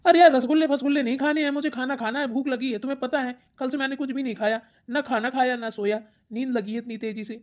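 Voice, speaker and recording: A woman's voice: sits high, steady tone, fast talker, hardly any pauses, voice pushed down, close to an everyday voice. A woman voicing a sleepy, hungry adult son who whines and complains in a cartoon. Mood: grumbling. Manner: whiny, complaining. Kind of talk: cartoon voice acting.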